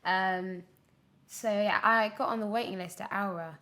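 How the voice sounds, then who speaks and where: Medium in pitch and a little slow, her voice comes with a slight hiss or hum in the background. The young adult British actor chats giggly and animated on a podcast, telling anecdotes and playing out the things she said.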